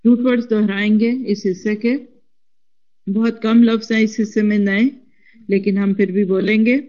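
Woman teacher spelling out roots slowly. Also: medium pitch, flat delivery, dark tone, highs cut off. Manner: spells out root letters slowly and coaxes the class to repeat. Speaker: Quran Arabic teacher. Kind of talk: classroom lesson.

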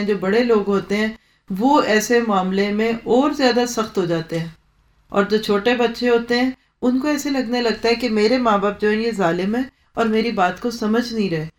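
A woman giving a parenting talk, explaining with homely examples and mixing in English phrases. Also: medium pitch. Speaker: parenting speaker.

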